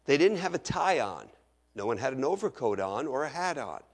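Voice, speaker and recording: A middle-aged man preaching a sermon, acting out his listeners' objections in an animated way. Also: mid-range voice, a little fast.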